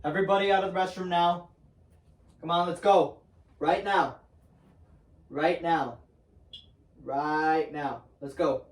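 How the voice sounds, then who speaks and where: A man's voice: on the high side, steady tone, slow, pauses often, reverberant, recorded from a distance. A young man voicing a stern female school CEO who hurries kids along with bossy, repeated orders.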